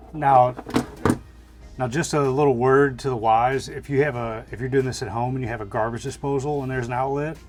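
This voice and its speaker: A man inside a small camper giving a casual, hands-on installation tutorial, plain-spoken and thinking aloud as he works. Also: mid-range voice. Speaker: DIY RV vlogger.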